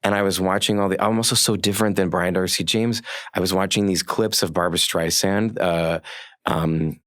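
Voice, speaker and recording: A middle-aged man, a stage actor guest, telling eager, quick anecdotes in casual chat. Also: sits low, fairly even intonation, a bit bright, no room sound, clean studio sound. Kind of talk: casual storytelling.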